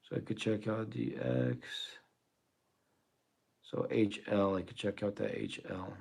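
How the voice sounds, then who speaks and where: A man's voice: lowish voice, fairly even intonation, slow pace, gravelly, darkish tone. A man in his forties, born in Russia and raised in the US, chatting casually on a trading livestream, rambling and thanking viewers with frequent chuckles. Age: 40s.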